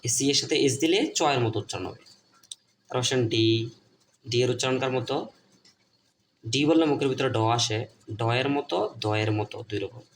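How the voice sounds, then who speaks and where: A man with a Bangladeshi Bengali accent, speaking a bit fast in a mid-range voice with long pauses, delivers a board lesson. He restates each point and works through questions he asks himself. Slight background noise is present.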